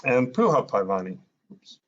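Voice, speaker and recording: A man's voice: medium pitch, big pitch swings, normal speed, fairly bright tone, lo-fi sound. A man teaching in a casual, thinking-aloud way, with many fillers as he sounds out words. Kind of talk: casual explanatory lesson.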